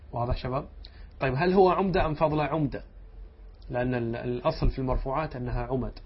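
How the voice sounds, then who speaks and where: Husky-voiced sheikh teaching a class. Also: male voice, fairly high pitch. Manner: asks students questions and answers them himself; checks understanding with short asides. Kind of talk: classroom lecture explaining a text line by line. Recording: dull lo-fi lecture recording.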